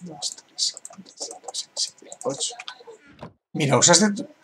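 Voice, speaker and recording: Against background noise, a gaming YouTuber with a fairly high voice takes things slowly in casual gameplay commentary. Frequent laughs punctuate his reading of other players' messages, introduced with "dice."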